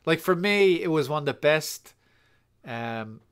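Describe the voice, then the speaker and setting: A man co-hosting a casual movie commentary podcast, joking and teasing in quick bursts. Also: on the high side, lively intonation, smooth. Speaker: podcast co-host.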